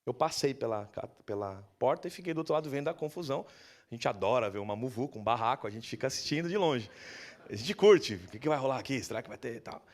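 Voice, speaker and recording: A male pastor with a Brazilian Portuguese accent, preaching a sermon in a church in a lively storytelling manner and acting out the people he quotes. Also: mid-range voice, quick pace.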